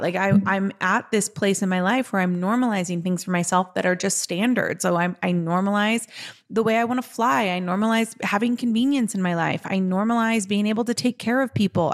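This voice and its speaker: A woman hosting her own podcast, talking casually in a chatty monologue full of "like". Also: mid-range voice. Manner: chatty, peppered with "like". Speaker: podcast host.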